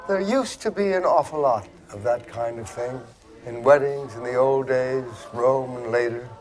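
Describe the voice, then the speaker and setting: An actor playing a dry, wry middle-aged town narrator in a 1940s film, speaking slowly and matter-of-factly. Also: male voice, mid-range voice, a little mellow, faint music behind, lightly acted. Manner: slow, wry and matter-of-fact. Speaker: narrator figure addressing the audience.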